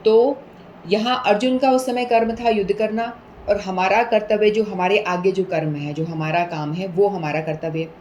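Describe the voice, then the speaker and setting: A woman giving a patient scripture talk, mixing English words in and chanting Sanskrit verses slowly. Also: medium pitch, fairly even intonation, darkish tone, slight background noise, poor audio. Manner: patient, explanatory, repeats points with everyday examples; mixes English words into Hindi. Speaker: speaker explaining scripture.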